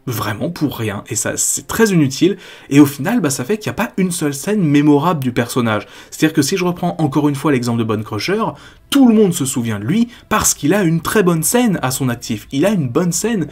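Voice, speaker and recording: A man's voice: a little high, sing-song, a little fast, a little mellow, breathy edge. A man delivering a scripted, critical and sarcastic video-essay commentary as a film critic.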